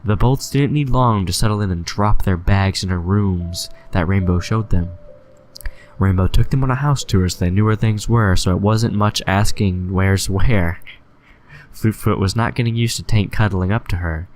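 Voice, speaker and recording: A man's voice: low-pitched, moderate pace, a little hiss or hum. A man reading his own fanfic aloud in a casual, stumbling way. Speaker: fanfic reader.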